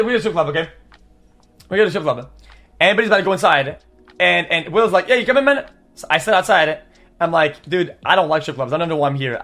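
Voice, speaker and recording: A young man in his twenties, a streamer casually telling a story to his chat, rambling and profane, repeating words and breaking into animated bursts. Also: on the high side.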